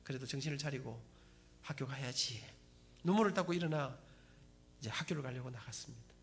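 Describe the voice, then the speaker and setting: In a mid-range voice at a fast clip, a middle-aged man with a Gyeongsang Korean accent recounts his faith testimony at church. He plays it as animated, dramatic storytelling and addresses the congregation throughout.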